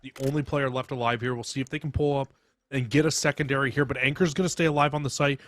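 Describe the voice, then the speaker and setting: A man's voice: medium pitch, fairly even intonation, quick pace, fairly bright tone. A man giving live esports commentary and analysis as a caster, emphatic and opinionated, stressing points by repetition.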